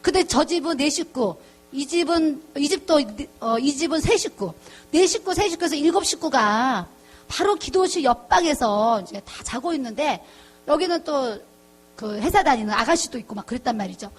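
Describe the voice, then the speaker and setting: A woman's voice: sits high, expressive, normal speed, faint music behind. A middle-aged woman pastor giving a chatty testimony sermon, acting out the voices of the people in her story. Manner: chatty storytelling, acts out quoted voices, laughs often.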